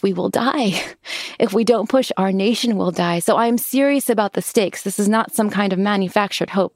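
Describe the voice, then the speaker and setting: A woman in her thirties, an activist guest in an interview, speaking earnestly and from the heart with soft laughs and small restarts. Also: medium pitch, no echo, studio quality. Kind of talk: interview conversation.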